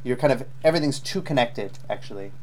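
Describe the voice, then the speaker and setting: A man's voice: mid-range voice, lively intonation, fast talker. A man teaching a live online IELTS lesson, patiently giving spoken feedback with frequent ums.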